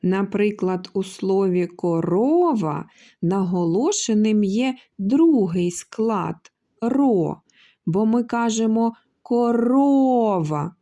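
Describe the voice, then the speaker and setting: A woman teacher speaks slowly and gently in a warm, mellow voice. She pronounces every syllable with care for small children and now and then calls out a word, stretching it long. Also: medium pitch, expressive. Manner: drawn-out syllables and calling out words to show stress. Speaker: kindergarten teacher. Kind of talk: slow, carefully articulated lesson for young children. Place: kindergarten lesson recording.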